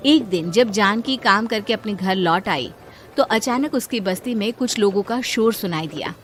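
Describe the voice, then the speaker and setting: A woman narrating a cartoon story in a steady, plain storytelling voice. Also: medium pitch, normal speed, faint music behind.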